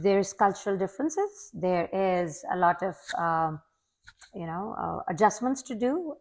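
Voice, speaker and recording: This woman's medium-pitched voice is creaky and a little mellow. In her forties and from Pakistan, she has taught for many years, and as an interview guest she talks in a casual yet earnest, reflective way, frequently repeating a word when starting out.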